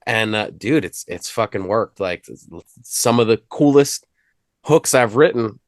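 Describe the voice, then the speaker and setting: A man with a lowish voice talks shop about songwriting in a relaxed, rambling way. He swears casually and restarts his sentences as he goes. The sound is dry and close, with no room around it. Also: a little slow, dry recording. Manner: loose and profane, trails off and restarts often. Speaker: host. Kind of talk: casual music chat.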